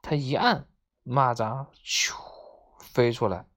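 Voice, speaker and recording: A woman narrating a children's story in a gentle, measured way. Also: a bass voice.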